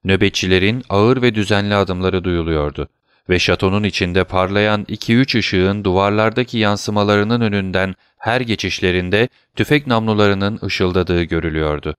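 A man narrating a classic novel as a steady, measured audiobook reader. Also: lowish voice, smooth, no echo, studio quality.

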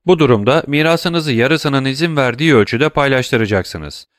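A man's voice: medium pitch, lively intonation, normal speed, dry recording, studio quality, voice pushed up, lightly acted. A man voicing a formal, bewildered notary in an audiobook, asking careful questions. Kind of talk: audiobook reading.

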